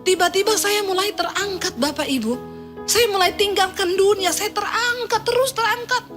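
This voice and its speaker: A woman pastor delivering an impassioned sermon, speaking straight to the people in front of her. Her voice sits high. Soft music plays faintly underneath. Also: moderate pace. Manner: impassioned, addressing the congregation directly.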